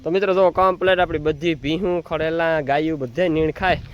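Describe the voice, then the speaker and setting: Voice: mid-range voice, steady tone, fairly quick, dull audio, a little hiss or hum. A dairy farm vlogger, chatting casually to viewers and calling out to the cattle, outdoors on the farm. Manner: chatty, calls out loudly to cattle between remarks. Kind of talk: casual vlog narration.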